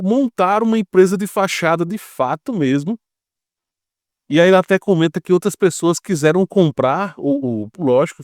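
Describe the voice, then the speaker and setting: Recorded dry with clean studio sound, this Brazilian man has a voice on the high side. As a geopolitics commentator, he explains matters informally in Brazilian Portuguese, chatting conversationally while frequently raising rhetorical questions and checking in with short tags.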